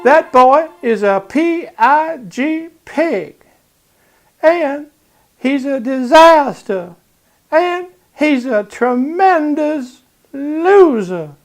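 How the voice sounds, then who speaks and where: A man putting on a shrill, slow scolding woman. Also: lively intonation, faint music behind, heavily acted. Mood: scornful.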